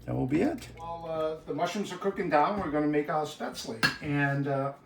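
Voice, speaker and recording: Austrian guy teaching a recipe, lots of uhs, slightly high voice, sounds far off in an echoey kitchen. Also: brisk, gravelly, background noise. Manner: relaxed, instructive, many "uh" fillers. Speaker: guest chef. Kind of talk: cooking demonstration. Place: home kitchen.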